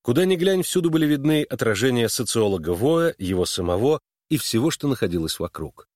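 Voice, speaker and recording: A man narrating a novel in an even, steady audiobook reading. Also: mid-range voice, brisk, no echo, studio quality. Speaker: audiobook reader. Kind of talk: scripted narration.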